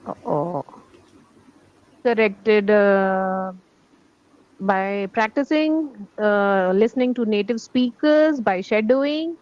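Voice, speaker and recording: A woman's voice: medium pitch, expressive, takes it slowly, darkish tone, dull audio. A woman school teacher from India with an Indian English accent, a native Hindi speaker, talking in a casual, hesitant way with many fillers. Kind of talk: casual conversation.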